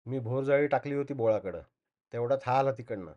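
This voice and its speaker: A man's voice: medium pitch, brisk, close to an everyday voice. A man voicing a tall, brash street boy who boasts about what he saw, in a slightly dull recording. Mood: boastful. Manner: cocky, chattering.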